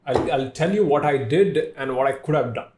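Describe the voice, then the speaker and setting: A man's voice: fairly high pitch, normal speed, a little mellow. A man hosting a casual podcast with a mix of Indian and Western English in his accent. He rambles, repeats himself and laughs at his own jokes. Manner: rambling, self-deprecating, repeats words, laughs often. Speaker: podcast host.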